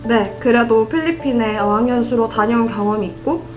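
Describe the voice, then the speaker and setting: A woman's voice: a little high, moderate pace, darkish tone, faint music behind, natural voice, rough recording. A woman in her twenties voicing a hopeful young student asking for job advice, eager but a little unsure. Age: 20s.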